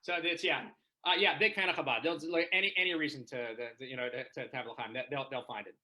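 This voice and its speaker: Doing stand-up from his home via video call, a man from Israel keeps things chatty and repeatedly asks his audience "right?". He talks fast in a medium-pitched, sharp-toned voice.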